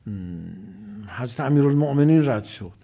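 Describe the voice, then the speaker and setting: A man giving a religious sermon, swinging between loud emphasis and hushed, near-whispered lines. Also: fairly low pitch, animated, creaky, breathy edge. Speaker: preacher. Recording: dull lo-fi recording.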